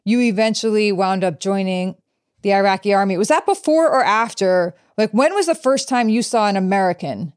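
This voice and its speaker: A woman's voice: medium pitch, lively intonation, moderate pace, clean tone. A woman hosting an interview, probing and recapping her guest's story, often restarting her sentences. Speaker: podcast host. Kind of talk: interview questions.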